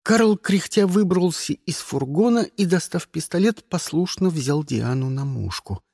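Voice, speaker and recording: An expressive audiobook reader narrating a first-person story. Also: medium pitch, measured pace, gravelly, husky, dry recording, studio quality. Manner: lively, expressive reading.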